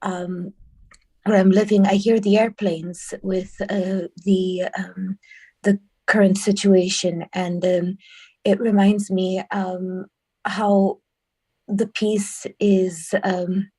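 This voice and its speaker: A woman from Brazil speaking slowly and thoughtfully as a guest on a video call, pausing often with ums. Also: medium pitch, level tone, warm tone, husky. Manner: slow and thoughtful, many pauses and ums. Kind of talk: casual spoken remarks.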